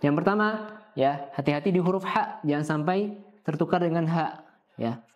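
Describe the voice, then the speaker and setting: A man's voice: a little high, normal speed, lo-fi sound. Man teaching recitation, "ya" after every phrase. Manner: adds "ya" as a tag after nearly every phrase; clears throat now and then. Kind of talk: tajwid lesson with slow demonstration recitation.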